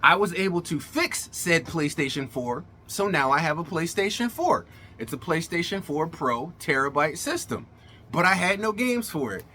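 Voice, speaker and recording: Talking casually to his viewers on a gaming vlog, a middle-aged host uses an emphatic, colloquial showman's delivery with slightly slurred words, as though his mouth were swollen. His fairly high voice is sing-song, bright and forceful at a moderate pace. There's slight background noise.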